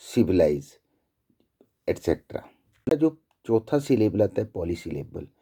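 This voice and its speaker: A male teacher giving a slow, deliberate lecture, explaining each point with repeated examples. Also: lowish voice, dark tone, breathy edge. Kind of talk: classroom lecture.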